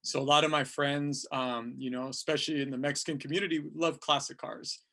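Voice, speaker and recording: Poet, male, 30s, from California, slightly high voice, unhurried verse reading. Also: fairly even intonation, bright, forceful tone. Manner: slow, deliberate reading of verse. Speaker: poet, featured writer. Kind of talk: casual talk and poetry reading.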